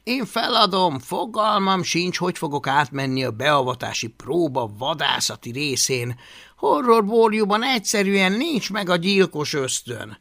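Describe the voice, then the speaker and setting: A man's voice: sits high, pushed and bright, pitched above the performer's own voice, heavily acted. Halvér, a man playing a chatty viking boy. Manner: chatty, complaining, reassuring.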